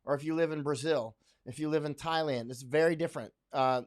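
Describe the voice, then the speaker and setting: A man from Central Florida, USA, speaks a bit fast in a steady, high-ish voice while hosting a casual livestream from his Thai home. He reads comments from viewers and answers them rambly, full of fillers and restarts.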